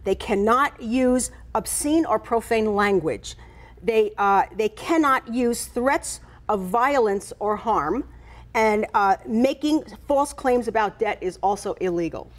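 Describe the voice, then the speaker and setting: A woman's voice: on the high side, lively intonation, slow pace. A woman hosting a promotional interview, conversational and emphatic, speaking directly to her audience. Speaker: TV or radio host.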